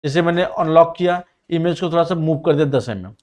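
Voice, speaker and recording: In this screen-recorded software lesson, a man explains to his students, step by step, how to build a ring design in CAD, calling out each command and click. His voice is a bit high with a Mumbai Hindi accent, his delivery straightforward, and he admits he can speak quickly at times.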